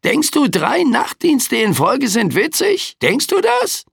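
For an audiobook, a man voices a grumpy, overworked male Grim Reaper skeleton who grumbles cheekily and tags questions with "hä." It's a full character voice pitched well above his own, extremely high with wildly swooping pitch, slow, gravelly, slightly rough, and a bit bright. The studio-quality recording has no echo.

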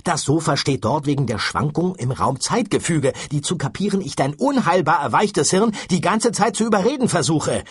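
A man reading an audiobook and voicing an excitable, frantic man who shouts urgent orders in a raised, husky voice. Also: medium pitch, no echo, studio quality, voice pushed up. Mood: exasperated shouting. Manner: urgent, loud, rushing then drawing out words. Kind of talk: audiobook character voice.

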